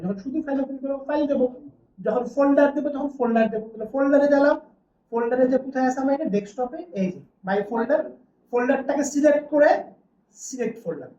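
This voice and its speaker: A woman's voice: high-pitched, warm tone, a little hiss or hum. A woman teaching a classroom lesson, often asking the class a question and then answering it herself. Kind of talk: classroom lecture. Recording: distant, dull, roomy classroom recording.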